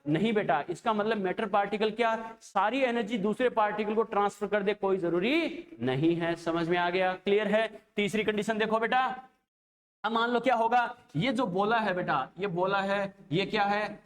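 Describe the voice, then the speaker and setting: In a classroom lecture on chemistry, a man with a strikingly high voice speaks to his students like an affectionate elder, calling them children. His tone is coaxing, and every few phrases he stops to ask rhetorically whether they're keeping up.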